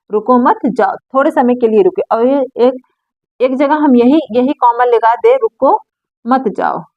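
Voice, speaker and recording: A woman teaching a grammar lesson, explaining slowly and repeating words for her viewers. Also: high voice, no room sound. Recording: dry, dull lo-fi recording.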